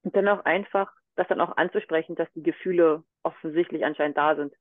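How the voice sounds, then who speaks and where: High-voiced man on a phone-like line. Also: fairly even intonation, fast, no echo. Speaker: podcast host. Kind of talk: interview questions.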